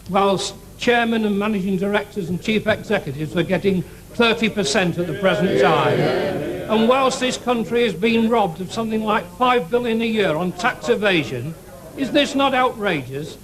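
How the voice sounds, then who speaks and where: British man, high voice, indignant parliamentary questioning, rhetorical, crowd clearly audible. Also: moderate pace. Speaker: opposition member of parliament. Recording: noisy parliament chamber.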